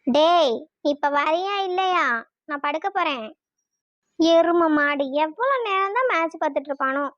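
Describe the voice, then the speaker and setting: A bossy, sulky young wife in a cartoon, played by a woman, her voice pitched extremely high with a colloquial Tamil Nadu accent. She scolds and pleads by turns. The recording is dry and close. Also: lively intonation, measured pace, fairly bright tone, no echo, lo-fi sound, full character voice. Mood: scolding. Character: young Tamil wife and little sister, sharp-tongued. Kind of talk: cartoon voice acting.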